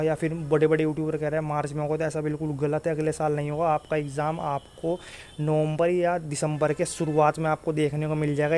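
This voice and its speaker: A man with a voice on the high side and a darkish tone, an exam-news YouTuber and coach, gives students an informal exam update. He's repetitive and insistent, often tagging phrases with "okay".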